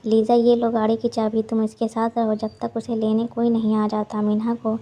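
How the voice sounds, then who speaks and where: A woman reading a tender, protective older brother in a storybook romance, speaking gently and reassuringly. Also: a little high, monotone, moderate pace, lightly acted.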